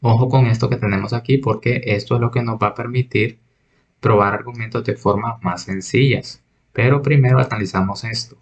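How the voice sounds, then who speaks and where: Male teacher, husky voice, methodical logic lesson, dull lo-fi audio. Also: mid-range voice, fairly even intonation, fairly quick. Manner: methodical, repeats and restates points.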